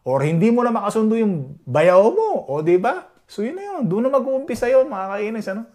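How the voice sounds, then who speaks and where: Man, from the Philippines, higher-pitched, casual vlog chat, keeps checking in with viewers. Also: sing-song, fairly quick, mellow. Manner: chatty, keeps asking "di ba?". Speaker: vlogger. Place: Edmonton, Canada.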